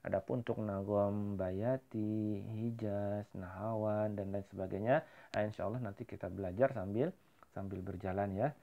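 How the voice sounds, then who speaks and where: A man's voice: on the low side, steady tone, creaky, phone-quality sound. A man with an Indonesian accent teaching Quran recitation to children in an online lesson, explaining plainly and asking questions he then answers. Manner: explains plainly, then chants verses slowly with rising and falling melody.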